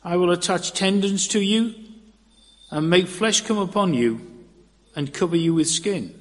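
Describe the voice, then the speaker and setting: A man reading scripture aloud in a church, deliberate and expressive, at a pulpit microphone. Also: sits high. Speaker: scripture reader. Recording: long church reverb.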